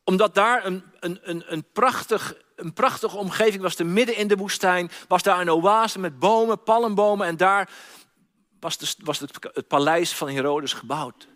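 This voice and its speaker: A man with a notably high voice preaches, retelling a story and voicing its cries, often repeating himself. His words ring out with the long reverb of a large hall. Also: moderate pace, a bit bright. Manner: storytelling, acts out quoted cries, frequent repeats. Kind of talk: sermon.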